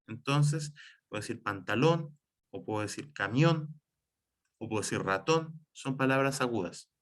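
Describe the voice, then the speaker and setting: A man teaching a class, explaining each rule slowly with example words and frequent fillers. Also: medium pitch, animated. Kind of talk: classroom lecture on writing and spelling.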